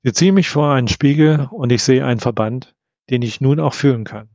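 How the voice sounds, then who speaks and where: A man narrating a first-person audiobook in a measured storytelling manner. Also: medium pitch, a little mellow, no echo. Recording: dull, slightly lo-fi.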